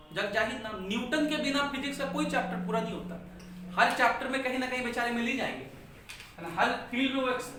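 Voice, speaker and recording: A man's voice: very high voice, bright, forceful tone. A male physics teacher lecturing a class, asking questions and repeating key terms. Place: large echoey classroom. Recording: echoey classroom from far off, faint noise.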